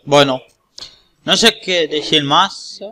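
A man's voice: fairly high pitch, slow, pushed and bright. A man with an accent from Spain giving casual, rambling, repetitive gameplay commentary with plenty of swearing. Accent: Spanish from Spain. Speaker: gamer.

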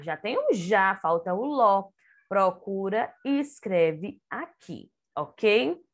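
Woman, Brazilian Portuguese accent, kindergarten teacher, very slow careful pace, sounds out syllables for small kids. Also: medium pitch, very animated. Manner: slow, syllable-by-syllable spelling for young children. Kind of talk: online phonics lesson.

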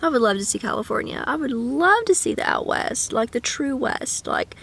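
A young vlogger who is sick with a cough chats casually to a camera held at arm's length from inside a parked car, rambling with sing-song asides. Her voice sits high, animated and fairly bright, with creakiness and a breathy edge at a moderate pace.

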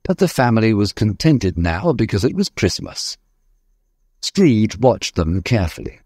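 Expressive male storybook narrator. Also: lowish voice, a little slow, dry recording, clean studio sound. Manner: clear, expressive reading. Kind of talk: graded reader narration.

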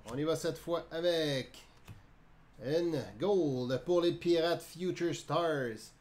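A man hosting a live card break in a Quebec French accent names each card conversationally and trades laughs and jokes with viewers. He talks at a slow pace in a high, slightly mellow voice.

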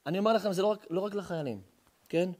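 A rabbi preaching with fervor, his voice sitting a little high for a man. He drops to near-whispers, then rises to loud, drawn-out chanting of verses. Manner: impassioned, swings from hushed to loud, chants verses. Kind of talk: sermon.

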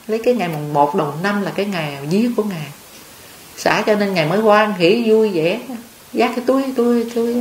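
A woman's voice: medium pitch, a little hiss or hum. An older Buddhist nun gives a homely dharma talk, telling stories and often checking that her listeners understand. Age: over 60. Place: monastery hall. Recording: roomy hall with faint ambience.

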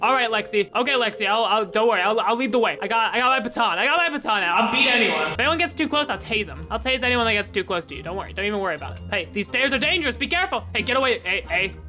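Young male gaming host, high-pitched and rambling, playful commentary over game music. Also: animated, racing, few pauses, sharp tone. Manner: goofy, rambling, restarts words often. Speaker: gaming YouTuber. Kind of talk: joking gameplay commentary.

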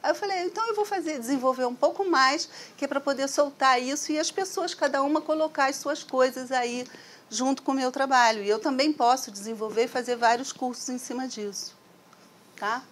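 A woman's voice: high voice, brisk. A middle-aged woman from Brazil giving a conversational, reflective talk to an audience through a stand microphone in a hall. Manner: conversational, reflective, frequent "né?" tags. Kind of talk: lecture to an audience.

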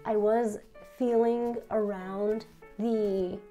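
A woman's voice: medium pitch, fairly even intonation, extremely slow, mellow, soft background music. A young woman casually reviewing products while speaking through a face mask, chatty and thinking aloud, close to the mic. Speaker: vlogger reviewing face masks.

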